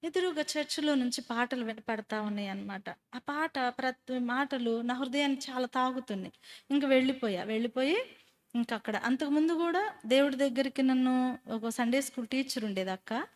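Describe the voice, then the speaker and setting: A woman's voice: sits high, moderate pace. A woman telling a church group her personal testimony as a story, stopping now and then to quiz her listeners. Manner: animated storyteller who quizzes listeners. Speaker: speaker giving a personal testimony.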